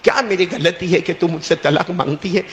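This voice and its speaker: A man's voice: high voice, fairly even intonation. A male preacher telling a story in a sermon, repeating phrases and calling on listeners to answer back. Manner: call-and-response, prompting listeners with "bolo"; repetitive, emphatic storytelling. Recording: echoey hall with faint noise.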